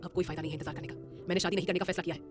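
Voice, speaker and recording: Woman voicing gruff young male officer, terse and cold, rapid lines. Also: medium pitch, music in the background, close to an everyday voice. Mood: broken. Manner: curt, stern. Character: young man, hot-tempered police officer.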